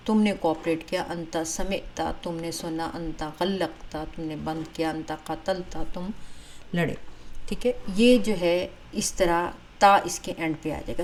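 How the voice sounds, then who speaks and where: Woman grammar teacher, Urdu accent, slightly low voice, patient drill delivery, faint hiss behind. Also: rough recording. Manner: drills word forms slowly and clearly; mixes English terms into her explanations. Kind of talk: online grammar lesson.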